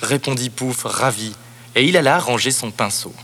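A man narrating a children's storybook cassette in a lively, expressive read-aloud voice. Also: medium pitch, moderate pace, noisy background. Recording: cassette narration over background music.

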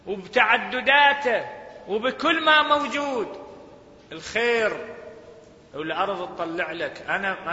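Impassioned Iraqi preacher in echoey hall. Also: male voice, very high-pitched, sharp tone. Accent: Iraqi Arabic. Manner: impassioned, rising and falling delivery. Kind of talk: sermon. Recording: echoey hall, dull sound.

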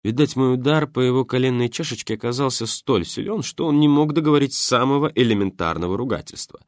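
A man reading a first-person story as an audiobook narrator, with an expressive storytelling delivery. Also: mid-range voice, quick pace, no room sound, studio quality.

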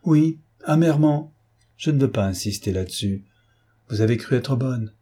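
A man's voice: medium pitch, lively intonation, normal speed, dark tone, husky. A man voicing an embittered young man reproaching his parents with impassioned bitterness. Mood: bitter.

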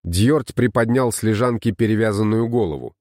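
A man narrating an audiobook in a steady storytelling manner. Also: on the low side, normal speed, no room sound, studio quality. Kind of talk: scripted narration.

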